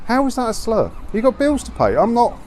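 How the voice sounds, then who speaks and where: A vlogger with a southeast English accent wanders a seaside town, chatting casually and rambling, repeating himself and tagging questions onto sentences. His voice is very high and darkish, brisk, with huge pitch swings, over outdoor street ambience and traffic noise.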